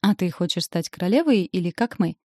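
A clever, composed young woman who weighs her words, as a woman narrator voices her. Her voice sits low and mellow, and she speaks in a measured way. The recording is close and dry. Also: expressive, no echo. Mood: curious.

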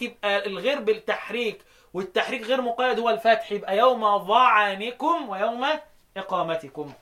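A man with an Egyptian Arabic accent teaching a lesson on recitation readings, asking questions and answering them himself, chanting verses slowly. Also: very high voice, fairly bright tone.

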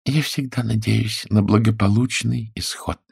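Fussy fifty-year-old wife voiced by a man, creaky and husky, pitched up, audiobook role. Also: fairly even intonation, measured pace, a little mellow, no room sound, clean studio sound, heavily acted. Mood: fretful. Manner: raised, sing-song pitch. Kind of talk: audiobook character voice.

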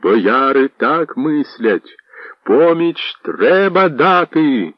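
A man voicing a proud bearded boyar rousing a crowd with loud, slow, commanding oratory in a radio audiobook reading. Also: mid-range voice, sing-song, no echo, voice pushed up, full character voice. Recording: dull lo-fi radio recording.

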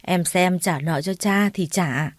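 A woman's voice: fairly low pitch, slow pace, no room sound, clean studio sound. A woman reading as a smug, leering loan shark. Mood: leering, menacing. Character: menacing male loan shark, smug and lecherous.

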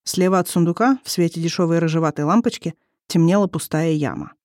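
A reader narrating a story in a steady, descriptive way. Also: mid-range voice, brisk, no room sound, clean studio sound. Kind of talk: audiobook narration.

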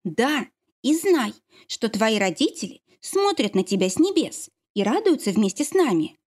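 A woman's voice: a little high, big pitch swings, moderate pace, a little mellow. A woman voicing a caring young mother and priestess who reassures her friend. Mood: reassuring.

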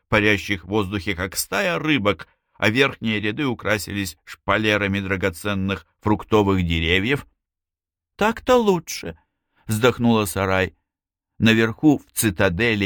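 A man reading a novel aloud as an audiobook narrator, in an expressive storytelling manner. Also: fairly low pitch, no echo, studio quality. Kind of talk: scripted narration.

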